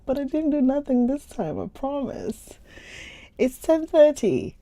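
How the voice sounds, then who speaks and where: Hosting a livestream book reading, a young Ghanaian woman chats casually, laughs often, and greets viewers by name. Her voice sits high and sounds sing-song and mellow, with a measured pace. It's captured on a phone or computer stream mic with no room sound.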